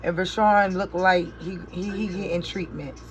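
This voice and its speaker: A woman's voice: fairly low pitch, normal speed, over music, low-quality recording. Chatty middle-aged woman vlogging. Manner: chatty, animated storytelling to viewers; exasperated, swearing in frustration. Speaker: beauty vlogger and mother. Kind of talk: casual chat while doing makeup.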